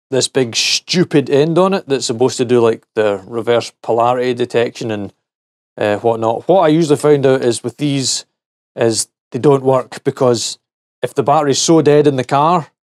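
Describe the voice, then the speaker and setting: A middle-aged man reviewing a gadget talks to himself in a chatty, jokey way while he tests and dismantles it in a casual teardown. The voice is mid-range and a little mellow, with no echo.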